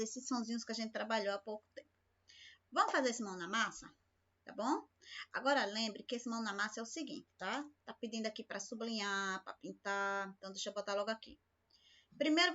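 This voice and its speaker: A woman's voice: a little high, sharp tone, highs cut off. A woman teacher giving a recorded remote lesson, patient and speaking to the class with many questions. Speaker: school teacher.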